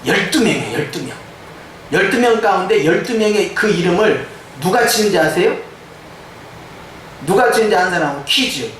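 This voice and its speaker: Animated male pastor preaching in echoey church. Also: sits high, moderate pace, long pauses, slight background noise. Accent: Korean, some Jeolla dialect. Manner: animated preaching, mimicking quoted voices. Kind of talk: sermon. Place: church sanctuary. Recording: echoey church hall from far off.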